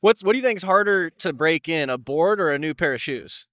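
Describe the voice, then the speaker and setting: A man interviewing a skater in an excited, chatty way, full of slang. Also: on the high side, brisk, no echo, clean studio sound. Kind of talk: casual interview.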